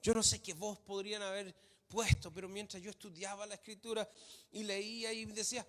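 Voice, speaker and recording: A man's voice: high voice, level tone, brisk, a bit bright. A man preaching a sermon in a church hall, emphatic, repeating phrases for stress. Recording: long hall reverb.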